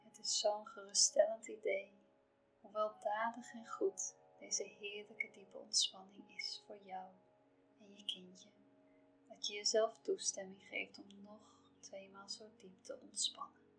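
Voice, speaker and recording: A woman reading a scripted guided relaxation in a soft, soothing, half-whispered delivery with measured, calming phrasing. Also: mid-range voice, gravelly, poor audio. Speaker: guided relaxation narrator for pregnancy. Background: soft music.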